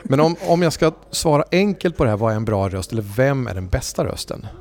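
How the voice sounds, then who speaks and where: A man's voice: medium pitch, big pitch swings, a little mellow. A man, a voice agency head and voice-over speaker, answering interview questions in a thoughtful way with frequent fillers and restarts. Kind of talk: conversational interview.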